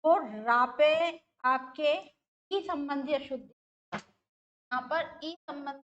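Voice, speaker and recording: A woman teaches an exam-prep grammar lesson, repeating each word and asking her class questions as she works through it. Her voice sits high and bright. The recording is a bit dull and lo-fi. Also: slow, slight background noise.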